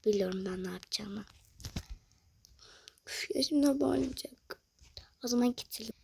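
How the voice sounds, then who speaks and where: A young woman narrating and voicing characters in a toy-style game role-play, swinging between loud excited lines and hushed whispers. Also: on the high side, normal speed, vocal fry, slight background noise. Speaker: toca life roleplay creator.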